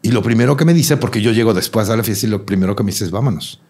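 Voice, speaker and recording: Mexican guy in his thirties, low husky voice, acts out quotes while telling a story. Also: racing, a little mellow. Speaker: guest. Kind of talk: casual chat.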